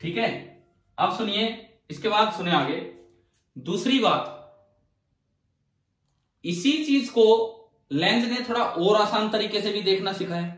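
A male physics teacher lecturing a class in a high voice. He quizzes the students and answers his own questions, repeating key phrases. The sound is roomy and echoey, with the mic set back from him. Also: animated, unhurried, long pauses, fairly bright tone, distant mic. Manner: asks the class questions and answers them himself; repeats key phrases to drive points home.

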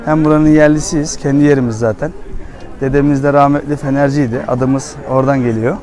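A man's voice: mid-range voice, fairly even intonation, a little fast, a little mellow, some chatter behind. A man in his thirties, a restaurant owner, plainly describing his menu, recorded on a phone at an outdoor seaside restaurant. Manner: plain, matter-of-fact. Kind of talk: casual interview. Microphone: vlogger's phone.

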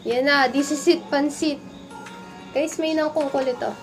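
Giggling often as she speaks to the camera, the young cooking vlogger sits at a table in a dark room, chatty, polite, and playful. Her high voice has fairly even intonation and an unhurried pace. Faint music plays behind her on a rough recording.

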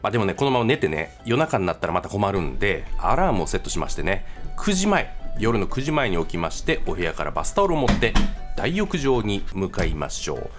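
A man's voice: fairly low pitch, very animated, fairly quick, faint music behind. A man with a Kansai accent narrating his travel vlog in a jokey way, mixing formal phrasing with dialect. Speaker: travel vlogger.

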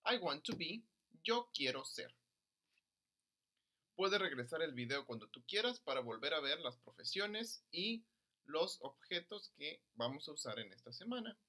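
A man teaching an English lesson to young children in Spanish, drilling pronunciation by slowly repeating words and stressing syllables. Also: on the high side, very animated, pushed and bright. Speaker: primary school English teacher.

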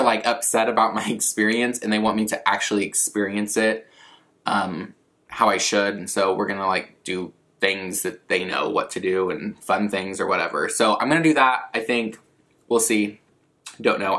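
A man in his twenties with a fairly low but bright, forward voice. He talks to camera in a casual, rambling way, candid and a little self-deprecating, like a vlogger answering questions from viewers. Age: 20s. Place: living room at a coffee table, indoors.

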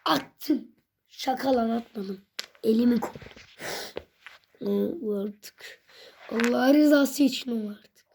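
A woman's voice: on the high side, slow, creaky, pauses often, darkish tone, slight background noise. A young woman talking casually to her viewers while building a tower, pleading with it and often dropping to a whisper. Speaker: vlogger.

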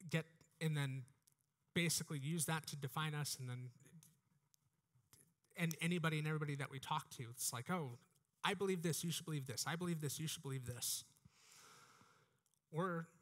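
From an indoor church stage, a preacher in his thirties with an American accent gives an earnest, exhorting sermon, repeating phrases often. His voice, heard through a headset mic, sits on the high side with a fairly bright tone.

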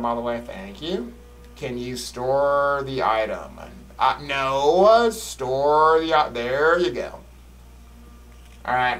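A distant mic with slight background noise captures a game streamer working through a horror game. He offers casual, slangy, profane commentary and blunt gripes, moving back and forth between muttering and loud, high-pitched exclamations.

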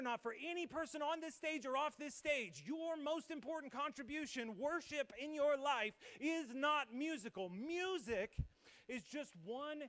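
A man's voice: extremely high pitch, sharp tone. A young man, a worship pastor, giving a conversational sermon from a church stage into a microphone, explaining with self-deprecating asides. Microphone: handheld or stage microphone.

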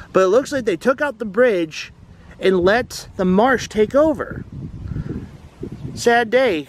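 Chatty high-voiced man giving a trail tour. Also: a little hiss or hum. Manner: chatty tour-guide commentary. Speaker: vlog host. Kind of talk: casual travel vlog narration. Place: outdoors at a lakeside forest preserve.

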